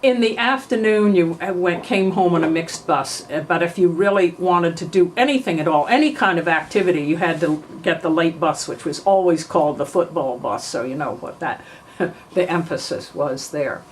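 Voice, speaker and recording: An older woman from New York telling family memories in an unhurried way, often clearing her throat. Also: lowish voice, slight background noise, low-quality recording. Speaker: family memoir narrator. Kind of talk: reminiscing oral history.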